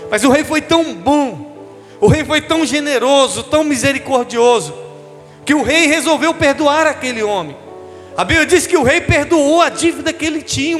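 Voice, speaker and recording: A man's voice: very high voice, fairly bright tone, in a large hall. A man, a bishop, preaching a sermon, calling the congregation "querido" and leading them in call-and-response. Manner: addresses listeners as "querido", leads call-and-response.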